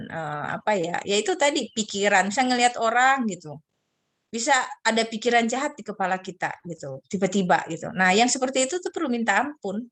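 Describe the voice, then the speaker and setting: Over a video call, a middle-aged woman with a mid-range, slightly bright voice gives a casual children's sermon about forgiveness. Now and then she acts out squabbling kids and God in raised, playful voices.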